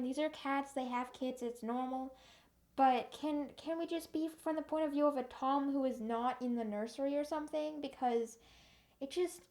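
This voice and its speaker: A young woman with a slightly high voice rants through a book review. She is exasperated and animated, restarting her sentences as she rambles on. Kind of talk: casual ranting review.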